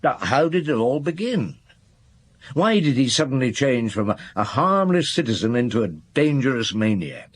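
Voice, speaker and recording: An actor playing a middle-aged chief inspector in a radio drama, methodical and thoughtful, laying things out in a measured, deliberate way. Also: male voice, medium pitch, sing-song. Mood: pondering, probing. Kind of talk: naturalistic radio drama acting.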